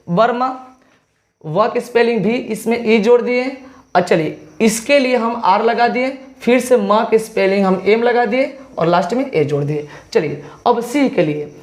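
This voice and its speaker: A male teacher giving an online exam-prep lesson, spelling words letter by letter and answering his own questions. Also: high voice. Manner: asks questions then answers them himself.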